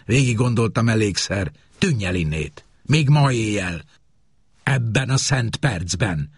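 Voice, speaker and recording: A man's voice: fairly low pitch, lively intonation, breathy edge, dry recording, clean studio sound. A man voicing an exasperated middle-aged wife who gives orders. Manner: exasperated, commanding. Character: middle-aged wife, fed up, sharp-tongued.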